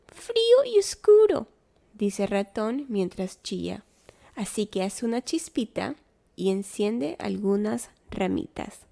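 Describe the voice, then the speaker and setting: A woman reading a children's story aloud in a slow, gentle, rhythmic way. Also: medium pitch, vocal fry. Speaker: storybook reader.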